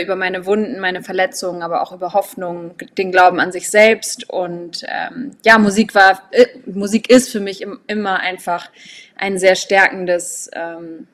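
A young woman from Hamburg, a singer interviewed over a video call from home, speaking thoughtfully with fillers. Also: mid-range voice. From born in London, grew up in Hamburg. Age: young adult. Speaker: singer, guest. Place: home room. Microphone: laptop webcam on video call.

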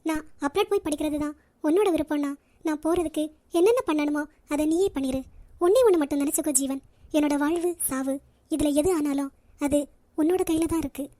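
Woman voicing a young heroine, cartoon, very high-pitched, emotional, pleading, dry close sound. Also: a little fast, no echo. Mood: tearful. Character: young woman, tender and tearful in love.

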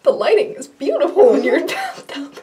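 A woman's voice: high-pitched, wildly swooping pitch, moderate pace, noisy background. A young woman operating the camera in a small home bathroom, teasing and giggling through casual chat.

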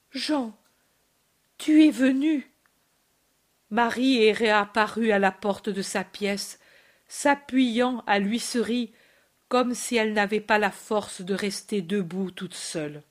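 A woman reading a religious book aloud in a soft, measured way. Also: medium pitch. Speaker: narrator.

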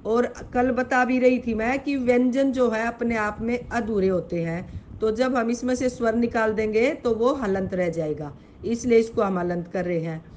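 A woman's voice: on the high side, moderate pace, a little mellow, slight background noise. A woman teaching Sanskrit in an online grammar lesson. She patiently spells out sounds, asks her pupils questions and calls them beta. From Haryana, India.

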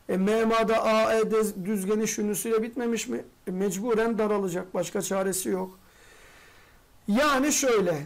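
In an exam-prep grammar lesson, a teacher fires off quick rhetorical questions, answers them, and calls the students friends in a familiar way. The voice is medium-pitched.

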